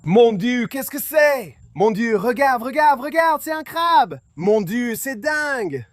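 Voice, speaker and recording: A man hosting a fishing vlog, narrating excitedly and often exclaiming to his viewers. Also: very high-pitched, takes it slowly, dry recording. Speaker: vlog host.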